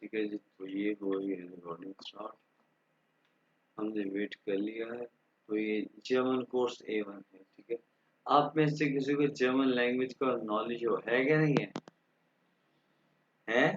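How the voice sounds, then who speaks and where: A man whose first language is Urdu, teaching a German class online and slowly drilling the alphabet for students to repeat. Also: fairly low pitch, fairly even intonation, echoey room, dull audio, a little hiss or hum. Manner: slow, patient, drills letters aloud for students to repeat.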